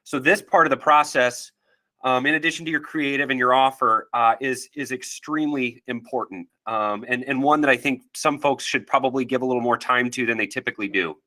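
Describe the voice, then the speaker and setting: A man presenting a live webinar, his voice nasal and stuffy from allergies. His delivery is casual and friendly, with plenty of ums and small restarts. The tone stays bright and clear. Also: medium pitch. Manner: casual, friendly, halting with fillers.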